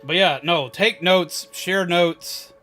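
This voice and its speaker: A man hosting a gaming livestream chats casually and gives viewers advice, rambling with emphatic repetition and some swearing. His voice is high and sharp, his pace slow, with faint music behind.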